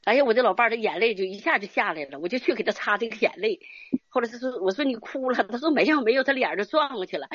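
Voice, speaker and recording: A woman's voice: a little high, lively intonation, racing, a bit bright, breathy edge, dry recording, highs cut off. An older woman giving an earnest, rambling religious testimony, often ending phrases with little tag particles. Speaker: church member giving testimony. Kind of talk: casual spoken religious testimony.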